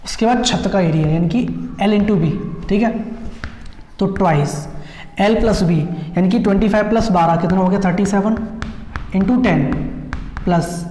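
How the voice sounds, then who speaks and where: A man's voice: high-pitched, unhurried, pauses often, dark tone, a little hiss or hum. A man teaching an exam-prep maths lesson, explaining step by step and repeating key points while checking in with his students. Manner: repetitive step-by-step explaining, frequent check-ins. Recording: echoey room with long reverb.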